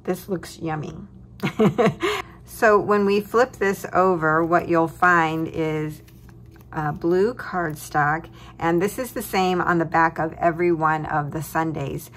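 A woman's voice: low voice, steady tone, takes it slowly, a bit bright. A woman hosting a craft tutorial, walking through her project at a tabletop desk with cheerful chuckles. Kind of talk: relaxed crafting walkthrough.

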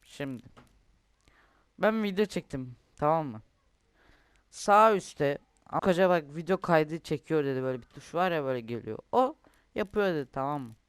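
A man's voice: on the high side, expressive, normal speed, clear, resonant tone, dry recording. A young man commentating his own football video game, ranting and complaining with lots of swearing. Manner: frustrated, swears often, rants and complains. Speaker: gaming youtuber.

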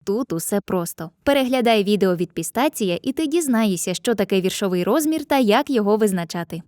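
A woman's voice: medium pitch, animated, darkish tone, dry recording. Woman narrating a lesson, dry sound. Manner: clear, addresses the viewer directly, chants rhymes slowly. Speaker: teacher. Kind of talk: scripted educational narration.

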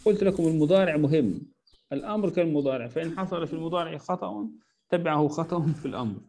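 Talking fast in a slightly high, dark voice, a man patiently drills Arabic verb conjugations one by one while correcting homework in an online lesson, voicing corrections to both his own and his student's mistakes.

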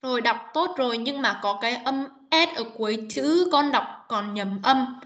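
An English teacher with a somewhat high, fairly bright voice and lively intonation teaches an online class at a moderate pace. Over a video call, she patiently coaches young students on pronunciation, modelling each sound again and again. The call audio is dull and muffled.

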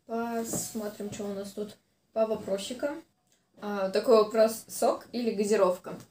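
A woman's voice: mid-range voice, fairly even intonation, unhurried, a little mellow, a little hiss or hum. A woman in her twenties chatting casually and a little hesitantly, chewing while talking as she eats. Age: 20s. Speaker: mukbang vlogger. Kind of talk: casual chat while eating. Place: small room indoors. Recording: roomy indoor echo.

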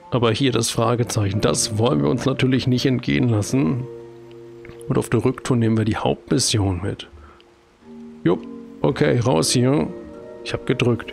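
Gravelly German let's-play host. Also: male voice, medium pitch, a little mellow. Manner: chatty, self-talking, jokey exclamations. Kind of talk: casual gameplay commentary.

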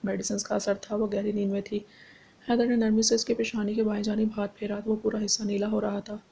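A woman narrating a romance novel in a steady storytelling voice. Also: medium pitch, brisk, gravelly, husky. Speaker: audiobook narrator. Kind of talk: novel reading.

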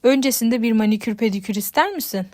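A woman's voice: a little high, fast, a little mellow, no room sound, studio quality, natural voice. A woman voicing a stern, stubborn male police detective in an audiobook.

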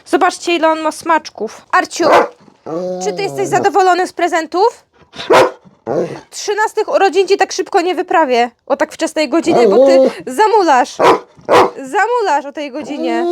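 A woman's voice: very high voice, noisy background. A woman chatting playfully with her dog while opening his birthday presents, coaxing him in a sweet pet-talk way. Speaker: vlogger, dog owner. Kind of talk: casual chat to her dog. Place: indoors at home with her dog.

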